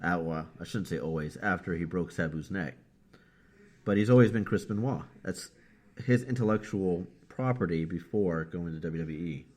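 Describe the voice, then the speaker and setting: A man's voice: low-pitched, normal speed, a little mellow. A man co-hosting a casual wrestling podcast, rambling through his points and laughing at himself. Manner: rambling, laughs easily, self-mocking. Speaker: podcast co-host. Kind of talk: casual chat.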